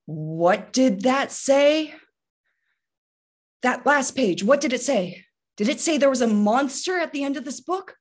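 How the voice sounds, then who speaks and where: A woman voicing a lovable furry male storybook monster who frets and pleads in a high, panicky voice, heard over a video call. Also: lively intonation, measured pace. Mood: worried. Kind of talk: reading a storybook aloud.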